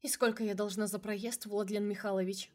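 A woman's voice: a little high, measured pace, breathy edge, pitched above the performer's own voice. A woman voicing a distraught young woman who is crying, bitter and sarcastic through her sobs, in an audiobook. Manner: sarcastic, then breaking into sobs. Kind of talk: audiobook character voice.

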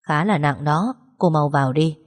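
A woman voicing a man passing by who speaks quickly and urgently, in an audiobook story. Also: low voice. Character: male passerby, hurried and urgent. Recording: long reverb.

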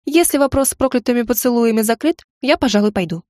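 A woman's voice: fairly high pitch, lively intonation, fast, darkish tone, dry recording, studio quality, close to an everyday voice. A woman reader voicing a proud young witch heroine who talks in a sarcastic, snappy way, in an audiobook.

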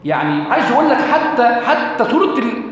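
A man's voice: extremely high pitch, fast talker. Egyptian guy lecturing, keeps quizzing the room, really roomy echo. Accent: Egyptian Arabic. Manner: questions the audience and answers himself, animated. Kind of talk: religious lecture. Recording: echoey hall recording.

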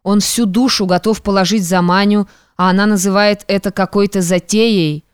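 Woman narrator, measured literary reading, smooth clear voice, dry close sound. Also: medium pitch, fairly even intonation, no room sound. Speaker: audiobook narrator.

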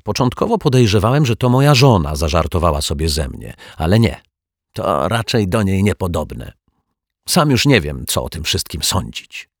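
A man's voice: sing-song, normal speed, dry recording, studio quality, exaggerated voice. A man voicing a nervous, flustered middle-aged male caretaker who talks in a fretful, pleading way. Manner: fretful, pleading, higher pitched.

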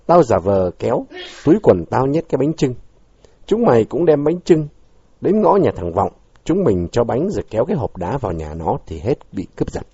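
A man's voice: medium pitch, very animated, normal speed, dark tone, husky, no room sound. A man reading a story, voicing a clever young boy who leads his gang and talks bluntly and bossily, on a dull lo-fi recording. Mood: bossy. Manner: blunt, commanding kid talk.

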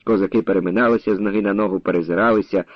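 A man narrating a story in an expressive, animated reading style. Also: on the low side, rapid-fire, no echo. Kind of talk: audiobook narration. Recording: dull lo-fi dry audio.

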